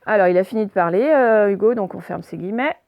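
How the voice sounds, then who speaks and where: Patient woman teacher, slightly gravelly. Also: mid-range voice, lively intonation, dry recording, dull audio. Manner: slow, patient, sounds out syllables and letters. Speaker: primary school teacher. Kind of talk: recorded reading and exercise lesson for young children.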